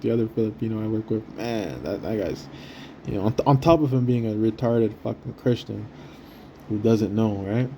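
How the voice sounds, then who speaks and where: A man preaching quietly from a hotel room in a rambling, profane, stammering way, full of restarts. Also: fairly low pitch, slight background noise. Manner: deliberately speaking quietly. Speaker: street preacher. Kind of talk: casual preaching monologue.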